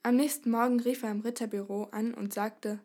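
Lady reading a kids' story out loud, lively, fairly high voice. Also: fairly quick. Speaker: narrator.

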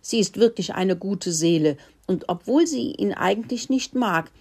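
A woman voicing a caring, fretful father mouse in a children's story, speaking in a squeaky voice. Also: lively intonation, moderate pace, darkish tone, slightly rough. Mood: relieved. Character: caring but scolding older father mouse.

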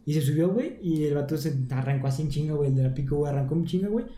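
A man's voice: on the high side, rapid-fire, warm tone. A young man with a Mexican Spanish accent in a casual, slangy chat, saying "güey" constantly. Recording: echoey room with faint background noise.

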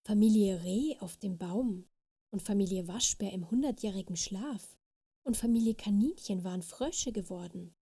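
A woman voicing a gentle, caring fairy mother in a storybook reading, soft and calm. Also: mid-range voice, normal speed, slightly rough. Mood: tender.

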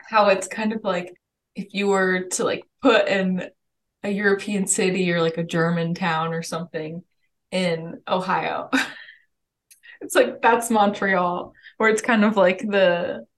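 A woman's voice: on the low side, steady tone, slow pace. A young woman co-hosting a podcast, chatting casually and rambling with lots of "like" and laughter. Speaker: podcast co-host. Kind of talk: casual chat.

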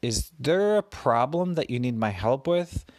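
A man voicing a friendly kid giant in a bedtime story, speaking deep and slowly. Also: lively intonation, darkish tone, lightly acted. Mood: booming. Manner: deep, drawn-out, slow. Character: big friendly kid giant, slow and booming.

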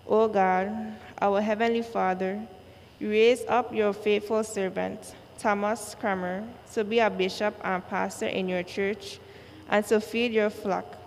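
A woman leading a church service, reciting the liturgy in a slow, measured way, her voice carrying a cathedral echo. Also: mid-range voice, fairly even intonation. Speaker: worship leader. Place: large church. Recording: long church reverb, faint noise.

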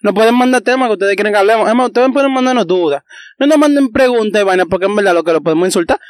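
Guy rattling off podcast plugs quick, high voice. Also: expressive, no echo, clean studio sound. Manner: rapid, joking, repeats words. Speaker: podcast co-host. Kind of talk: casual chat.

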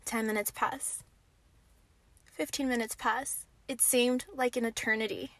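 A young woman hosts a lively storytime podcast, narrating in a slightly high voice with animated delivery, dramatic pauses and casual fillers. The recording is close and dry, with no room sound or echo.

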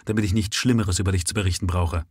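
A man reading aloud plays a sly, grasping servant who bargains cheekily and hides his greed behind false modesty. The voice sits fairly low, with a husky grain, in a dry, close sound. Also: steady tone, quick pace, dry recording. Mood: demanding. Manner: cheeky, coaxing, mock-humble. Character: sly, greedy young male jailer's servant. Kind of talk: dramatic reading of a story.

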